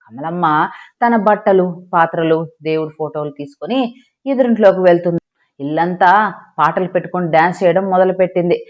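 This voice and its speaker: A woman narrating a scripted village story in a lively storytelling manner. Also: fairly low pitch, brisk. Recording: dull lo-fi recording.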